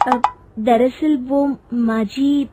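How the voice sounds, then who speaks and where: A woman's voice: high-pitched, fairly even intonation, drawn-out words, loud music behind the voice, voice pushed up. A woman doing a shy young daughter-in-law. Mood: polite. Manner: polite, hesitant.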